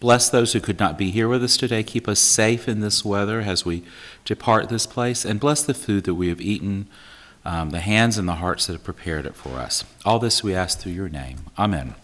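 A middle-aged man from Florida, a pastor, welcoming a luncheon crowd and saying a prayer, with earnest, halting speech. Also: fairly low pitch, fairly bright tone. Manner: earnest, with frequent ums and restarts. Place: church hall stage before a red curtain. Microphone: stand microphone at a lectern. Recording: long hall reverb.

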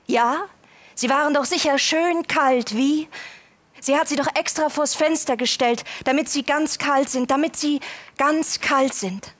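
A woman's voice: high voice, unhurried. A woman voicing a feverish, sick young man who whispers and repeats himself fretfully in a read story. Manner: breathless, fixated repetition.

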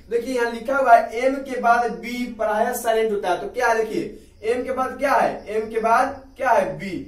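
High-voiced Indian man teaching, echoey. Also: far from the mic. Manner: repeats questions and answers them himself. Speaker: English teacher. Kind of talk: video lesson. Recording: echoey room, off-mic.

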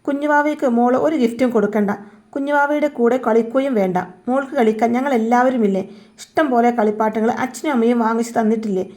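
A woman's voice: on the high side, fast talker, dark tone, natural voice. A woman voicing a protective young mother who speaks in a firm, scolding way.

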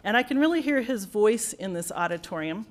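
An American woman in a college leadership role speaks at a formal building dedication ceremony in a university auditorium. With a mid-range voice, lively intonation and a fairly quick pace, she comes across earnest and grateful, often restarting and using fillers.

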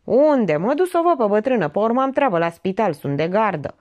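A woman voicing a brisk, teasing male doctor in an audiobook. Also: mid-range voice, very animated, a little mellow, muffled recording, voice pushed up, lightly acted. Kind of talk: audiobook character reading.

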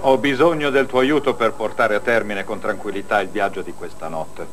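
A man's voice: lowish voice, a little fast, music in the background, natural voice. A man voicing a kindly, solemn old man in a dubbed cartoon, speaking in a fatherly, encouraging way. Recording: old noisy cartoon film soundtrack.

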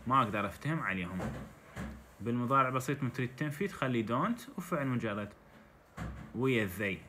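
Iraqi guy teaching english, slows way down on english lines then explains in dialect, bright voice. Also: mid-range voice, animated, a little hiss or hum. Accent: Iraqi Arabic. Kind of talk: explaining a textbook story.

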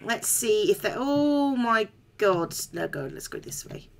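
A woman's voice: medium pitch, animated, unhurried, gravelly, a little hiss or hum. A woman giving casual gameplay commentary, swearing mildly as she goes. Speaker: gaming streamer.

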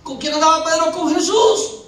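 High-voiced preacher in an echoey hall. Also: male voice, normal speed. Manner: animated storytelling, acting out little scenes in shifting voices. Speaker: pastor. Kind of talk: sermon. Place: church. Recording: echoey church hall from far off.

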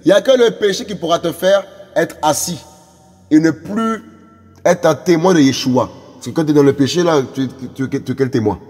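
Fervent high-voiced preacher man. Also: normal speed, a little mellow, breathy edge, in a large hall. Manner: fervent, repetitive exhortation with many fillers. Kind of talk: evangelistic sermon.

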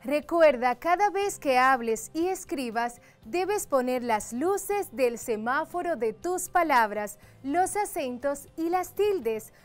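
A woman with a Dominican Spanish accent teaching a televised grammar lesson, enunciating each word slowly and carefully. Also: high voice, expressive.

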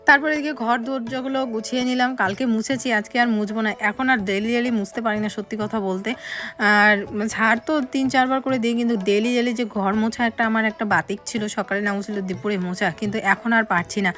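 Chatty tired mother, soft at times. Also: a little high, steady tone, brisk, soft background music. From Bengal. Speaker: vlogger, mother of two boys. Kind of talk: casual home vlog narration.

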